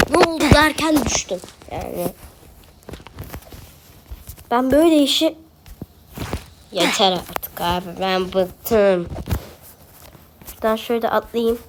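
Playing a video game on stream, a woman with a Turkish accent mutters complaints to herself in a casual running commentary. Her voice is a little high, with slight background noise.

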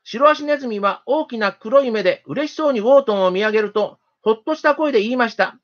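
A storyteller narrates a children's tale in a gentle, steady, expressive reading. The voice sits at a middle pitch. The recording sounds dull and lo-fi. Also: fast.

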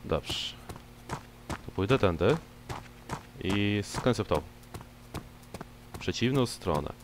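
A young man giving casual, joking commentary while he plays a game, talking to its characters and breaking into loud excited yelps. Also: on the low side, takes it slowly. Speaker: gameplay commentator. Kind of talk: casual let's-play commentary. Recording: old mic with clear background noise.

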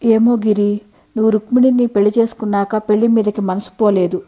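Gentle, lonely storybook woman in her fifties, soft-spoken, read by a woman narrator. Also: medium pitch, flat delivery, fairly quick, natural voice. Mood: wistful.

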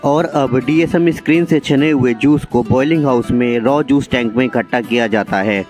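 A man talks through each stage of a factory process in a steady, informative way. His pitch sits in the middle. Faint music plays underneath. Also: normal speed. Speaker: vlogger explaining a factory. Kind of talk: explanatory voice-over narration.

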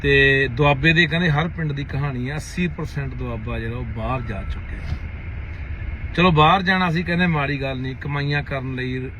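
A man's voice: medium pitch, moderate pace, sharp tone, rough recording. A man with a Punjabi accent hosting a village report, speaking emphatically and repeating his points to viewers. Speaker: host. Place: outdoors in a village. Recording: outdoor recording with faint background noise.

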